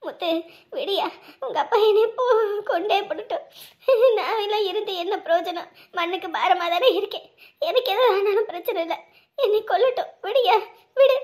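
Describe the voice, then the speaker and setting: A woman voices a remorseful village woman fresh out of jail. Her voice sits very high and light, and she breaks into wailing laments over her lost fortune. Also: normal speed. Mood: resigned. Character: aging woman just out of jail, remorseful, tearful. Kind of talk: village drama voice acting.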